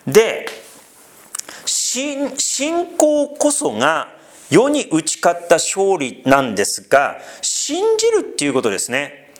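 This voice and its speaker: With a high voice and slow pace, a pastor delivers an animated, conversational sermon. Fillers come often, as do asides directed at the congregation.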